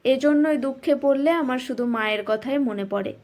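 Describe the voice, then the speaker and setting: A woman's voice: high-pitched, normal speed, a little mellow. A woman narrating a first-person story in a reflective, self-mocking way.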